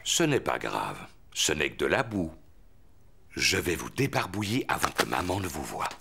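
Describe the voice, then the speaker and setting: A man's voice: a bass voice, huge pitch swings, normal speed, creaky, bright, forceful tone, a little hiss or hum, full character voice. A man voicing a jolly, proud and clumsy father pig in a French cartoon dub, cheerful and self-assured. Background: background music.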